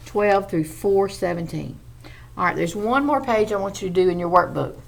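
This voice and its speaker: A woman's voice: medium pitch, gravelly. A woman teacher, patiently explaining a reading lesson step by step to children.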